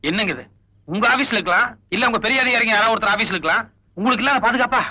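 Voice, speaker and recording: A cheeky wisecracking thief. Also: male voice, sits high, racing, bright, forceful tone, heavily acted, poor audio. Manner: joking, teasing, mixes in English. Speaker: thief in a film. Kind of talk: 1990s film dialogue.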